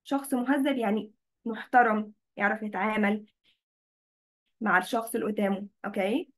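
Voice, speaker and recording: A woman's voice: medium pitch, steady tone, brisk. A woman with an Egyptian accent teaching English vocabulary in an online class. She switches between Arabic and English and often checks that students follow.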